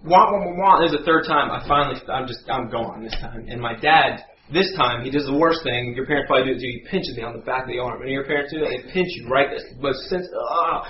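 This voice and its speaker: A man telling a lively story in a sermon, acting out voices and sound effects as he goes. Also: mid-range voice, fast talker, hardly any pauses. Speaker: guest preacher. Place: church sanctuary. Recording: echoey church, dull sound, faint hum.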